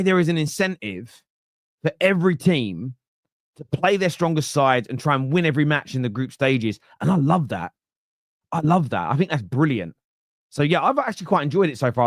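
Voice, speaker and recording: A man's voice: mid-range voice, dry recording, clean studio sound. A man in his late thirties hosting a live football fan podcast, chatty and joking. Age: 30s. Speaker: podcast host.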